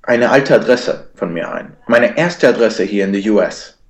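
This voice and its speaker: In an echoey room, a male guest recounts a personal story in German, peppering it with English words and frequently beginning sentences again. His fairly low voice is expressive and moves at a moderate pace.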